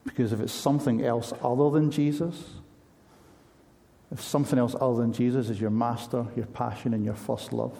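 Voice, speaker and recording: A man's voice: mid-range voice, steady tone, moderate pace, vocal fry, warm tone. A man preaching a sermon in an earnest, conversational way, asking his listeners pointed questions.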